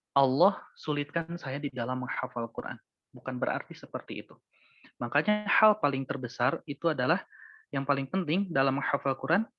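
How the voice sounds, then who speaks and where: A man's voice: fairly high pitch, no echo, muffled recording. A man teaching Quran memorization in a casual, earnest webinar talk, sometimes acting out imagined older learners.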